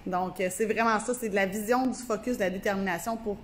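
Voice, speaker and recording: A woman's voice: medium pitch, fairly even intonation, quick pace, slight background noise. A woman with a Québécois French accent interviewing a painter in a casual, chatty way, with lots of affirming remarks. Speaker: interviewer and videographer.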